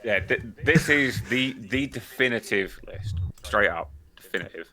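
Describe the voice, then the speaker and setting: Male stream host, fairly low voice with a sharp edge, blunt and sweary, casual banter. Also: lively intonation, moderate pace, a little hiss or hum.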